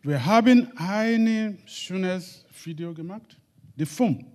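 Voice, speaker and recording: Male panelist from Nigeria, unhurried and hesitant, many fillers. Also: high-pitched, a little mellow. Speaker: panel speaker, association co-founder. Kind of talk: spoken panel contribution.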